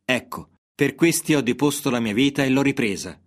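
Man reading religious text, measured. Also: medium pitch. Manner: measured, even reading of a parable and scripture. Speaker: narrator.

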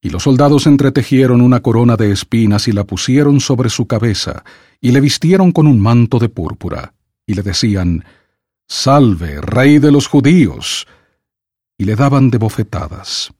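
A man reading scripture aloud for an audiobook in a measured, solemn way. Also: mid-range voice, lively intonation, mellow, no room sound, clean studio sound. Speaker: scripture reader.

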